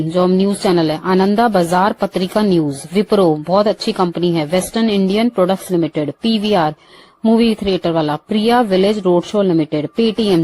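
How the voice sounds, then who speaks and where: A woman with an Indian accent teaching English vocabulary, running through word lists quickly and saying the English phrases slowly and clearly. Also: on the low side, a little mellow. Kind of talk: vocabulary lesson for Hindi speakers.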